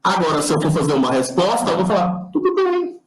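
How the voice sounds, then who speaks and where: A man's voice: on the high side, expressive, fast talker, echoey room, a little hiss or hum, poor audio. A man with a Brazilian accent giving an online lecture, patiently explaining the sign alphabet step by step. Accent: Brazilian Portuguese. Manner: patient, explanatory, demonstrates as he talks.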